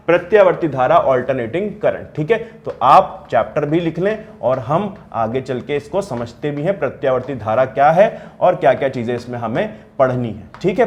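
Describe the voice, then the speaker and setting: A man lecturing on physics to students, asking questions and answering them himself, repeating key terms and mixing in English technical words. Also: a little high. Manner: mixes English technical terms into his talk. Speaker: physics teacher. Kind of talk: classroom lecture.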